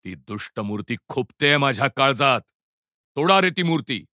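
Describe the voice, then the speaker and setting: A man's voice: mid-range voice, lively intonation, normal speed, sharp tone, no echo, studio quality, pitched above the performer's own voice. A man voicing a ruthless, commanding Hun king who barks scornful orders in a storybook reading. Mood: shouting orders.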